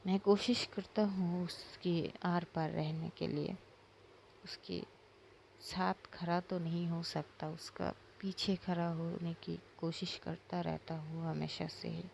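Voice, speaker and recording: A woman's voice: on the low side, flat delivery, slow, gravelly, darkish tone, slight background noise. A woman playing a protective young man who speaks earnestly and soothes a crying child.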